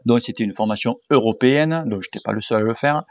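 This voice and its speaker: Talking fast at a medium pitch, this forty-something cycling YouTuber and sports coach fields viewer questions in a laid-back vlog. He speaks with a southern regional French accent and is blunt, slangy and freely profane, recorded dull and dry at home with slight background noise.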